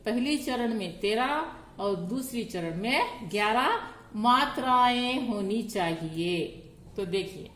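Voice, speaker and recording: A woman's voice: a little high, expressive, slow, fairly bright tone, roomy sound. A woman teaching a grammar lesson on poetic meter, counting syllables aloud one at a time.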